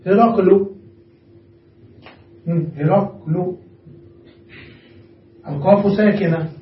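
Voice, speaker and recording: A man's voice: sits high, slow pace. A man teaching a grammar lesson to students, explaining patiently and often checking whether they have understood. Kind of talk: classroom lesson. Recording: far-off echoey muffled room recording.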